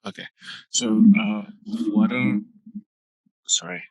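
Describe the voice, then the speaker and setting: A man's voice: lowish voice, expressive, slow, vocal fry, no room sound, highs cut off. A man conducting an informal interview, recorded in a busy shared office. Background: busy office background noise.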